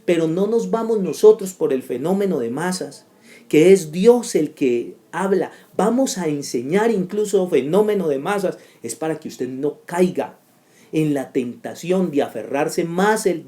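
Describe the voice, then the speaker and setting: A man's voice: a little high, animated, a little slow, dark tone. A man teaching a class for preachers in a sermon style, with an emphatic, repetitive cadence and sudden rising bursts.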